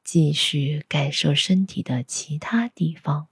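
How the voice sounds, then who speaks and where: A woman whispers a guided meditation extremely slowly, her voice low, very breathy and soothing. The delivery is soft and instructional in the manner of a spa relaxation track, with no echo.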